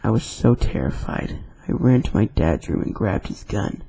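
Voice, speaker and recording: A man's voice: on the low side, animated, moderate pace, creaky, mellow, breathy edge, dry recording. A man casually reading scary stories aloud, with chatty, rambling asides between them. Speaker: YouTube storyteller.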